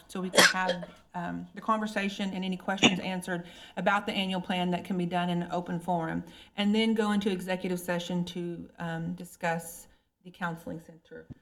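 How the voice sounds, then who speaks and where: Woman chairing a formal committee meeting. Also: medium pitch.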